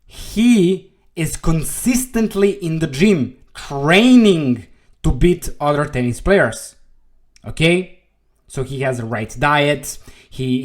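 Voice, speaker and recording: A man from Serbia, a trading coach giving a blunt, swear-laced video lesson that keeps checking in with "okay?". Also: a little high. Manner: blunt, emphatic, swears freely, repeats "okay?".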